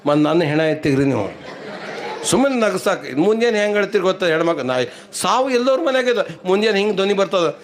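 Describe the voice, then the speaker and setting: A man with a high, bright voice and a North Karnataka accent delivers live stand-up comedy on stage. His patter runs in rhymes, and he breaks into impressions of wailing women. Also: expressive, fairly quick. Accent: North Karnataka Kannada. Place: live stage before a crowd.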